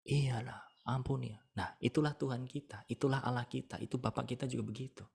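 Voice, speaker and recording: A man's voice: medium pitch, fairly even intonation, a little fast, vocal fry, darkish tone, breathy edge. A man leading an online discipleship class, teaching casually and emphatically, with rhetorical questions.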